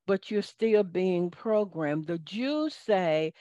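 A woman's voice: on the low side, lively intonation, warm tone, no echo. A woman with a Southern accent, hosting a live call-in coaching show in a folksy, preachy manner. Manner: folksy, preachy, talks slowly. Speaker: life coach and host. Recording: dull lo-fi audio, dry.

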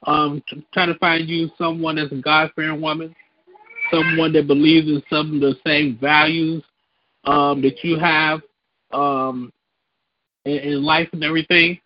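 A man's voice: on the high side, level tone, no echo. A man calling in to a radio show over a clipped phone line, speaking hesitantly with many ums and restarts. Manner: hesitant, halting with many ums and repeated words. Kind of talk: call-in radio chat.

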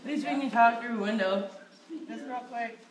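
A man's voice: very high voice, moderate pace, roomy sound. A man visiting a patient, talking in short eager remarks, heard through a window from outside. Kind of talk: casual chat. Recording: voice from a distance.

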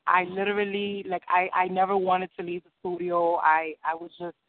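Speaking at normal speed, a New York City woman with a fairly low voice and little pitch movement fields interview questions. She's a singer and rapper on as a guest, eager and cheerful with easy laughter, captured in dry, tinny, phone-like sound.

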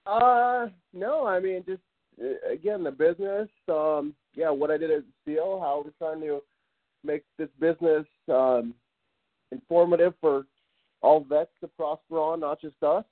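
A man talking on a phone call over speakerphone, halting with many fillers, as a podcast guest. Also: on the high side, no echo. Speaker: podcast guest, veteran business owner. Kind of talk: casual interview chat. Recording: tinny dry phone line.

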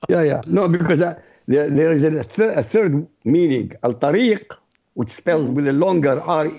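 A man's voice: on the high side, normal speed. A man from Iraq, a blunt, outspoken panelist on a radio talk show. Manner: blunt, outspoken, laughs easily. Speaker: regular co-host panelist. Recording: muffled lo-fi line.

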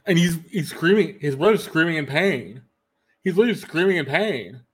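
Podcast host guy, kinda high voice, retelling an anime ep with quotes and stumbles. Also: expressive, moderate pace, slightly rough. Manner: retells scenes with quoted lines, many restarts. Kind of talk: casual anime review chat.

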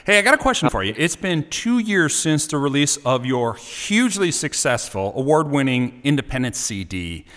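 A man's voice: a little high, big pitch swings, moderate pace, few pauses, a bit bright, in a large hall. A man hosting a radio show, interviewing a guest energetically and joking around. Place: radio studio.

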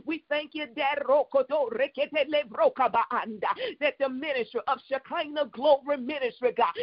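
A man leading a fervent prayer for a ministry, switching into speaking in tongues and punctuating lines with sharp "ha" exclamations. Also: extremely high pitch. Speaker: prayer leader. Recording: dull lo-fi recording.

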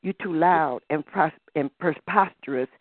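A woman calls in to a show and performs spoken word with a theatrical, campy, queenly air, mixing phone-in chat with her performance. Her voice sits low and unhurried with no echo, heard over muffled, dry phone-line audio.

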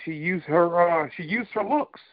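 A man's voice: high-pitched, animated, normal speed, no echo. Emphatic man arguing on a panel. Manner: emphatic, argues with restarts. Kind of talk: political panel talk. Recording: dull lo-fi dry recording.

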